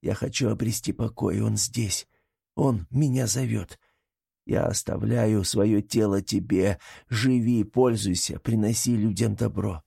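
Guy reading a young mage who begs slow and soft, low husky voice, audiobook. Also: no room sound, studio quality, heavily acted. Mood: pleading. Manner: pleading, slow. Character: young male mage, pleading and unsure.

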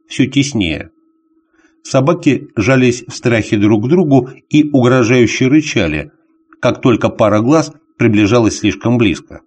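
A man reading a novel aloud as narrator, measured and expressive. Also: mid-range voice. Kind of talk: audiobook narration.

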